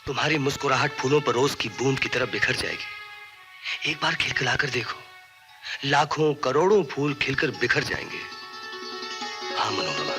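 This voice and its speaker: An actor playing a tender, stubborn young man who pleads with and teases a grieving woman, in 1980s Hindi film style. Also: fairly high pitch. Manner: pleading then coaxing and teasing. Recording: film soundtrack with music beneath.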